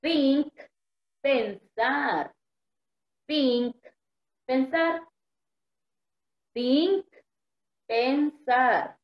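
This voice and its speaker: A woman teacher leads an online vocabulary lesson, saying each word several times in a slightly high voice. She speaks very slowly and patiently, as if for students to repeat. The sound is dull and lo-fi, like video-call audio. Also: animated. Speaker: English teacher.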